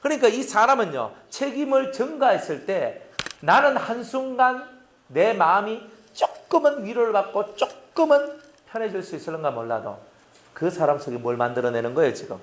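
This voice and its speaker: A man's voice: high voice, lively intonation, normal speed. A male pastor preaching a sermon, often acting out quoted voices and talking with his congregation. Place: church.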